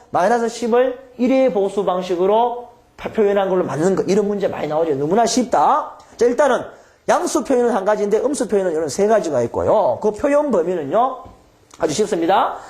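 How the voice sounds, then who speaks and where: A man's voice: high voice, a little mellow. A man with a Gyeongsang accent giving an exam-prep lecture, quizzing students with rhetorical questions and drilling by repetition. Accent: Gyeongsang Korean.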